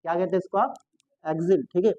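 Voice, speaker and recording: A man's voice: high voice, fast talker, darkish tone, dry recording, muffled recording. A man teaching a biology lesson for exam prep, asking questions and answering them himself, repeating key terms and mixing Hindi with English science words.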